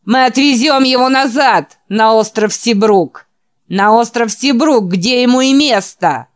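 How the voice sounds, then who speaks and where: Jeering male trolls outside a window as voiced by a female narrator; loud, high, mocking taunts for an audiobook. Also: sing-song, slow pace, no room sound, full character voice.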